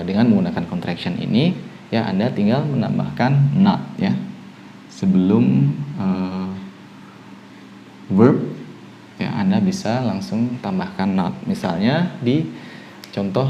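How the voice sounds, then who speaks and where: A man teaching an online English grammar lesson with an Indonesian accent, explaining step by step and ending nearly every phrase with a quick "ya". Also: deep voice, creaky, lo-fi sound, a little hiss or hum.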